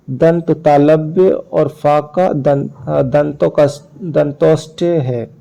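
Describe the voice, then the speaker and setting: A middle-aged man teaching a grammar lesson slowly, pausing on fillers and sounding out letters one at a time. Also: a little high, vocal fry, mellow, rough recording. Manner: halting, many "a" fillers, spells out sounds one by one. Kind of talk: slow explanatory lesson.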